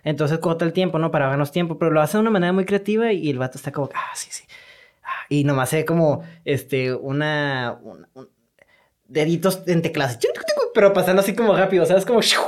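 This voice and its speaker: A speaker with a Mexican accent in a casual film talk, animated and slangy, full of sound effects and filler tags. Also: mid-range voice, fast talker.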